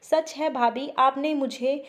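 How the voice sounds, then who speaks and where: A kind young brother in a family storybook, read by a woman. He speaks gently in a high voice. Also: fairly even intonation, slow pace.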